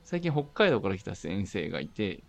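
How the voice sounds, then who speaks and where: A man with a Nagoya accent, a podcast co-host chatting in a relaxed, offhand way with quick reactions. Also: deep voice, gravelly, highs cut off. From Nagoya, Japan. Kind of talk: casual chat.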